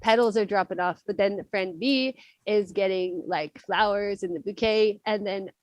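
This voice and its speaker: On a casual podcast, a young woman who belongs to a club talks as a guest, wandering playfully from point to point with lots of fillers and mini character voices. Her pitch is medium, her speed normal, and there's no echo.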